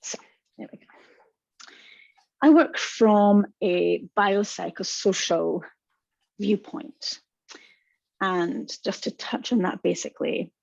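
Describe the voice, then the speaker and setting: With a mid-range, gravelly and husky voice, this woman presents a webinar in a strong Scottish accent. She is a counsellor who addresses listeners directly in a warm, comforting manner. The recording is dry, dull, lo-fi webinar sound.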